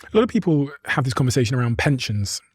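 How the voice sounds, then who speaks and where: A man's voice: medium pitch, big pitch swings, fast talker, slightly rough, no echo, clean studio sound. A man from the United Kingdom, hosting an interview and asking questions in a casual, conversational way. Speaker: podcast host.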